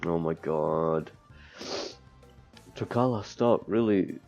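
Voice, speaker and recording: A low, darkish male voice with vocal fry takes its time reading visual novel text in a let's play. Stumbles and offhand asides interrupt the reading, captured on a dull lo-fi mic with game music in the background.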